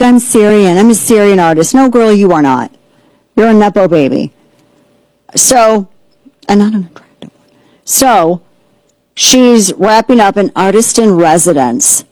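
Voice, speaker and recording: A woman hosting an opinionated political commentary show, sarcastic and mocking, with quick asides. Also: medium pitch, a little mellow, no echo, rough recording. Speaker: host.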